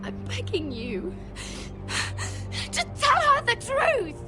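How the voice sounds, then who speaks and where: A woman's voice: very high-pitched, animated. An actress playing a desperate young handmaiden in a video game drama, impassioned and emotional, drawing out her words. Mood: desperate pleading. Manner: impassioned, drawn-out. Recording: music behind.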